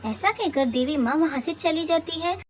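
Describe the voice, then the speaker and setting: High-voiced woman narrating a cartoon tale. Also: normal speed, a little hiss or hum. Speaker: storyteller.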